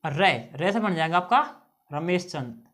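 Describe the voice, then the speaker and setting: A man's voice: a little high, a little slow, a bit bright. A male teacher giving an exam-prep lesson on memory tricks, often checking in with his students and repeating key phrases.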